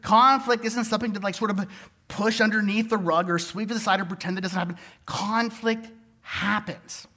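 A male pastor giving a conversational, self-deprecating sermon with animated emphasis. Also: high-pitched, moderate pace.

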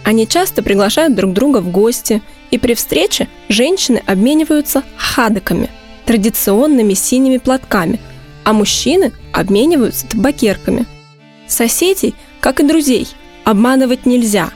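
A woman calmly explaining words and customs in a measured, educational way. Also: a little high, faint music behind. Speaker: presenter.

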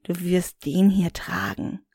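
A woman voicing a cruel female tormentor with a whip, speaking in a cold, slow, menacing way. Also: fairly low pitch, little pitch movement, vocal fry, dark tone, breathy edge, dry recording, studio quality, heavily acted.

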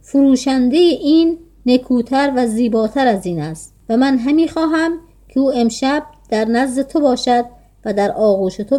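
A woman voicing a flattering, scheming old go-between in a read-aloud tale, coaxing and sweet-talking. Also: fairly high pitch.

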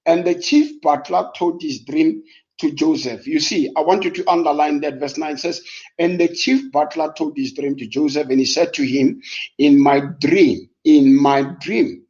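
Streaming a Bible lesson live, this native Sotho speaker from South Africa alternates between Sotho and English, repeating points for emphasis and posing rhetorical questions. He speaks at a normal rate in a fairly high, slightly mellow voice, captured in dull, low-fidelity stream sound.

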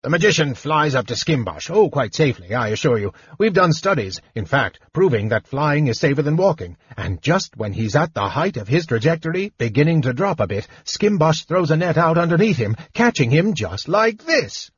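A man voicing a fussy, excitable male gnome official who chatters fast, explaining everything eagerly. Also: fairly high pitch, slightly rough, no echo, highs cut off, voice pushed up, exaggerated voice.

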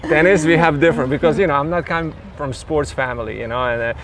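A man's voice: on the high side, fast talker, a crowd in the background. A man from Croatia with a Croatian accent, a tennis coach talking in a casual interview in a thoughtful, rambling way with many fillers.

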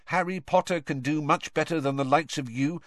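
A man's voice: on the high side, normal speed, fairly bright tone, no room sound, clean studio sound, voice pushed up, lightly acted. A man voicing a flustered teenage witch in a storybook reading. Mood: desperate.

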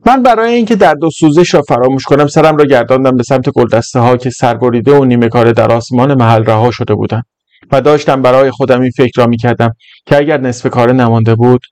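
A man's voice: medium pitch, a little mellow, dry recording. Man reading a story in a dry room. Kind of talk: scripted narration.

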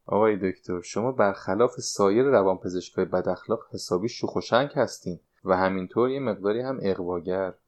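A retired stage dancer in her late sixties confides her fears and longings in a fretful, wistful way, voiced by a man reading an audiobook. The voice stays fairly low. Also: few pauses, a little mellow, natural voice. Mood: confiding. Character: anxious 69-year-old woman, former stage dancer.

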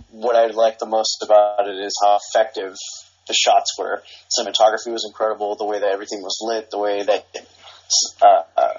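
A man talking casually over a dull, muffled speakerphone line. His voice sits a little low and sounds husky. He rambles in a relaxed way, swears freely and leans on lots of fillers. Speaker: cousin reviewing movies. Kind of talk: casual chat.

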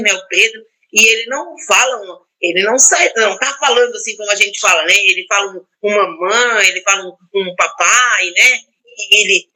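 A middle-aged woman pastor, speaking, talks about prayer in a reflective, personal way, often pausing with "né" and restarting her sentences. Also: a little high, pushed and bright, rough recording. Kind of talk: casual teaching talk on prayer.

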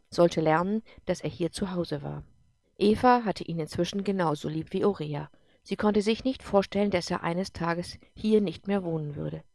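A woman narrating an audiobook in an even, measured storytelling voice. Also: on the low side, no room sound, studio quality.

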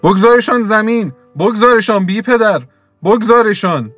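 A man's voice: sits high, fairly bright tone, no echo, pitched above the performer's own voice. A man voicing a fierce, poor village mother who screams in defiant, raw outbursts, with faint music behind. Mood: screaming.

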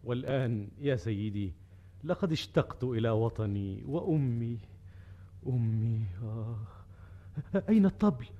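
A man's voice: fairly high pitch, animated, fairly quick, warm tone, breathy edge, lo-fi sound. A man playing a homesick young folk-tale hero, plaintive and earnest, in a theatrical classical Arabic drama. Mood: homesick, pleading. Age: young adult.

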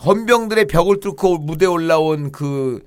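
An older man telling army stories in a casual chat, delivering gruff punchlines. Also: a little high, expressive, normal speed.

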